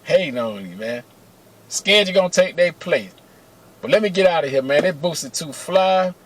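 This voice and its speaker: A middle-aged man with a fairly high voice spins a personal story straight to his camera. He talks in a loose, slangy way, curses freely and keeps calling out to his viewers. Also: moderate pace. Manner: animated, slangy and profane, addresses viewers as y'all. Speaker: vlogger telling personal stories. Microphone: camera mic, close.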